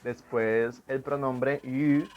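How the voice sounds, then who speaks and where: A man's voice: mid-range voice, steady tone, drawn-out words, darkish tone, muffled recording. A man patiently explaining English grammar as a teacher, spelling words out letter by letter.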